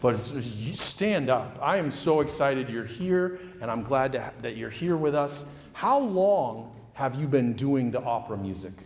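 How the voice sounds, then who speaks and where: A man working as a stage hypnotist and host, bantering off the cuff with volunteers in a halting way, often repeating phrases. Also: mid-range voice, sing-song. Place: indoor college stage show with audience. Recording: echoey hall PA with noisy background.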